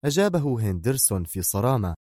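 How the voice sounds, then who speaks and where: A man reading a spy novel aloud as narrator, in a steady, measured delivery. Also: mid-range voice, dry recording, clean studio sound. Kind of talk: scripted audiobook narration.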